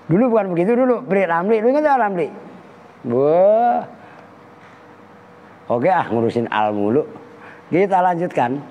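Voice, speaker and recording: A man teaching a religious text at an Islamic boarding school, his voice sitting somewhat high. He jokes animatedly, mimics animal sounds and chants Arabic verses slowly. A long hall echo trails his words over a faint background hum. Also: animated, lo-fi sound. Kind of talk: kitab lesson with Arabic recitation. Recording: long reverb with faint ambient noise.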